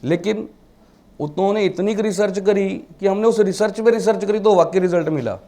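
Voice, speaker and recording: Man, teacher, classroom lecture, mellow tone, rhetorical questions. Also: sits high, fairly quick. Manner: mixes English terms into Hindi, rhetorical questions. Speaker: vastu teacher.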